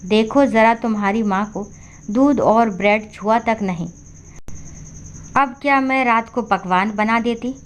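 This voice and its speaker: A woman voicing a harsh, resentful daughter-in-law who talks in a sharp, scolding way in a storybook. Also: fairly high pitch, unhurried, lightly acted.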